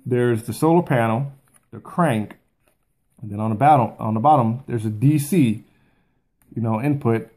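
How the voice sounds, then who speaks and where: A man in his thirties hosts a video from a small furnished room at home, giving an informal, plain-spoken product review to camera. His voice is medium-pitched and a little mellow, with a moderate pace and frequent pauses.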